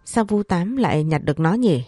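Scheming senior wife , voiced by a woman: wailing, fast protest, dry close read. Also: fairly low pitch, expressive, warm tone, no room sound, faint music behind.

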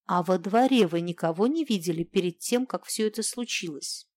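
A woman's voice: lowish voice, expressive, moderate pace, darkish tone, lightly acted. A woman voicing a bold young woman who presses with earnest questions.

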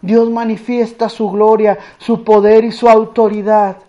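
Slow, earnest, high-voiced woman preacher. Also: little pitch movement, dull audio. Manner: slow, earnest, drops to a hush. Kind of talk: sermon with a told story.

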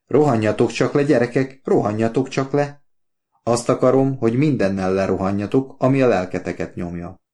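A man's voice: medium pitch, warm tone, voice pushed up, lightly acted. A man voicing an earnest, talkative older father in an audiobook, pleading and heartfelt. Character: warm talkative older working-class father. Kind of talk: audiobook character voice.

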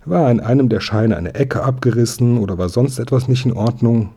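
A man's voice: medium pitch, brisk, vocal fry, dark tone, slightly rough. A man playing a strict bank cashier. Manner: strict, probing questions.

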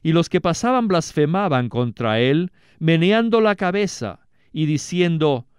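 A man reading scripture aloud as scripted narration, measured and deliberate with dramatic pauses. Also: on the high side, animated, smooth, no echo, clean studio sound. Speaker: Bible reader.

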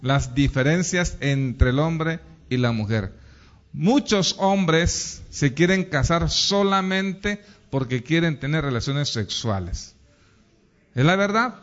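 A man's voice: a little high, animated, slow pace, lo-fi sound. A man preaching to a congregation in a playful, teasing way, quizzing couples and asking the audience questions. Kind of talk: lively sermon with audience questions.

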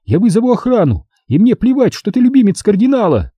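A man voicing a young woman official who bursts out in shrill indignation, tearful and furious, in an audiobook. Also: big pitch swings, brisk, slightly rough, no room sound, dull audio, exaggerated voice.

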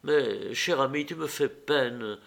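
A man reading aloud, voicing an affectionate young society lady in a tender, gently pleading way. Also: mid-range voice, slow pace, vocal fry.

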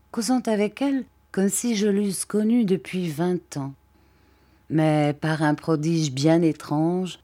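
A woman narrating a classic tale aloud with a measured, expressive delivery. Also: fairly low pitch. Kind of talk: literary story reading.

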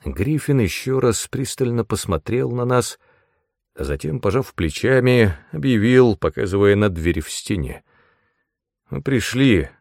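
A man narrating a first-person audiobook in an expressive, measured way. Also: on the low side, vocal fry, dry recording, clean studio sound.

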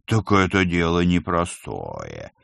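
A man voicing an old male house ghost who speaks in a rustling whisper, slow and instructive, in a storybook reading. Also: low voice, huge pitch swings, creaky, no echo, full character voice. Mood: stern.

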